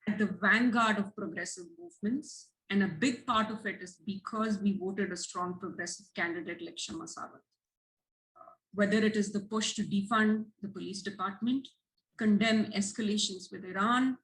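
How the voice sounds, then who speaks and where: Woman activist making her case on a stream, earnest and emphatic, mid pitch. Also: a bit bright, poor audio. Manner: earnest, emphatic, listing points. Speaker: activist guest. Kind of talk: prepared remarks on a livestream.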